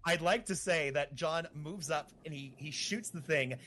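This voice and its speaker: A man playing a tabletop role-playing game, informally and haltingly describing what his character does. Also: fairly high pitch, pushed and bright. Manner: informal, hesitant, frequent "like".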